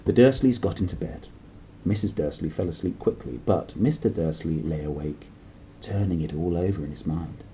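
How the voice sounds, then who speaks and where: A man narrating a children's storybook aloud in an expressive style. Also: sits low, moderate pace, hardly any pauses, slight background noise, rough recording. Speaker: storybook reader.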